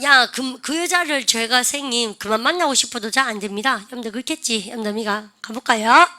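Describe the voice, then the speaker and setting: A woman's voice: on the high side, pushed and bright. A woman teaching English and leading her class in repeat-after-me drills, coaxing and calling out cues.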